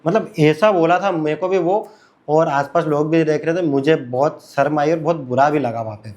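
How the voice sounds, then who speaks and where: Man telling a story, fairly high voice. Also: normal speed, a little mellow. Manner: conversational, repeats phrases, fillers. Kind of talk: casual personal storytelling.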